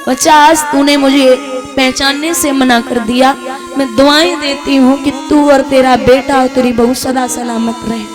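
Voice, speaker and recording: A poor old mother begs her grown son to remember her, in a hurt, pleading tone, as a woman storyteller voices her. The voice is high, and music runs behind it. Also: level tone, a little slow. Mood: tender.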